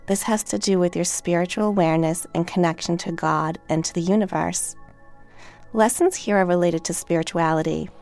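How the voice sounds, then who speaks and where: Low, slightly creaky woman guiding a meditation. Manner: calm, gentle, measured. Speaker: guided meditation narrator. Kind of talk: slow, soothing guided meditation narration. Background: relaxation track with music, dolphin and water sounds.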